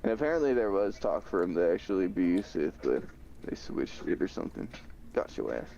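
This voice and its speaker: A man's voice: low-pitched, sing-song, fairly quick, vocal fry, dark tone, dull audio, a little hiss or hum. A young man streaming a game, chatting casually in laid-back slang and laughing often. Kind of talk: casual chat while gaming.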